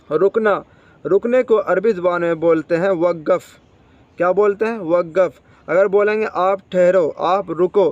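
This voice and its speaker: High-voiced man drilling Arabic words. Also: a little mellow, no echo, highs cut off. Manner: repeats each word and drills with questions. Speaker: Arabic teacher. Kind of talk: spoken vocabulary lesson.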